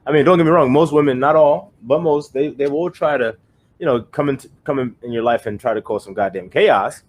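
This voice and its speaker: A man's voice: medium pitch, a little fast. A young man co-hosting a podcast, giving his opinions in a rambling, casual way with many fillers and restarts. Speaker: podcast co-host.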